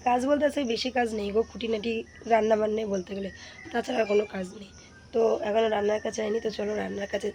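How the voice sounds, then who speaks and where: A young woman, hoarse from a sore throat, chatting to viewers in a casual home vlog. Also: medium pitch, fairly even intonation, rapid-fire. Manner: chatty, addresses viewers warmly as friends. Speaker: vlogger. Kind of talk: casual daily-life vlog narration. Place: home kitchen and courtyard.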